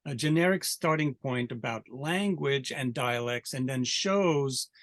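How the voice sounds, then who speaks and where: A man leads a festival Q&A in a middle register, asking questions in a halting way and breaking into frequent small hums of agreement. The recording is dry and close, with almost no room sound. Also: medium pitch, expressive, dry recording. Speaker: festival director and interviewer. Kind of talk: Q&A interviewing.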